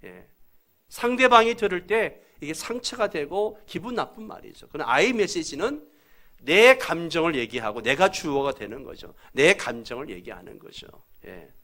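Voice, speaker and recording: A middle-aged man gives a sermon from the pulpit. His tone is bright and forward, and his pitch rises and falls a great deal. He keeps calling out to the congregation for a response. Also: very animated, moderate pace. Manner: acts out angry quoted lines in a raised voice. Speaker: pastor.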